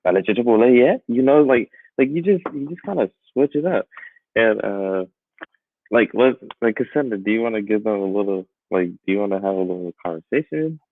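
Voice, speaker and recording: Young guy, chill and animated, sounds like a dry phone line. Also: on the low side, a little fast, no echo. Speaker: guest. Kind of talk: casual chat.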